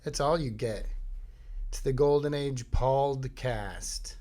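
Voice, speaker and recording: A middle-aged podcast host from Florida speaks slowly in a dark, mid-range voice from his home studio. He delivers a wandering comic monologue, joking, interrupting himself, and dropping into silly songs and impressions.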